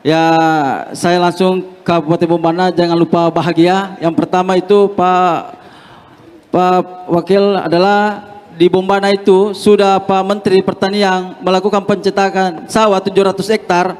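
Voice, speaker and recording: A man's voice: high-pitched, flat delivery, normal speed, darkish tone, long reverb tail. A man from Southeast Sulawesi, a regional representative, stating his points directly one by one. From Southeast Sulawesi, Indonesia.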